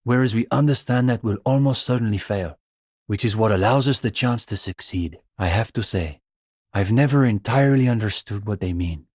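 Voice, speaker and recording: A young man voices a video game character, an earnest, bookish communist student who is idealistic and slightly condescending and talks in measured, hesitant, intellectual phrases. His voice is fairly low and a little mellow, lightly acted, recorded cleanly in a studio with no room sound.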